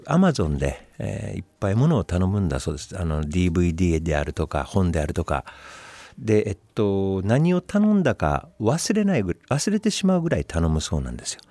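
A man's voice: low voice, no room sound. A man hosting a radio column, talking casually about his work and acting out the voices of other people. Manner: animated, acts out directors' voices. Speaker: radio host and commercial director. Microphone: studio microphone.

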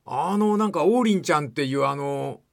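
A man's voice: on the high side, expressive, moderate pace, gravelly. Older guy on radio, rambly folksy talk, voice goes up and down a lot. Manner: rambling, folksy storytelling, asks the co-host questions. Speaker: radio host.

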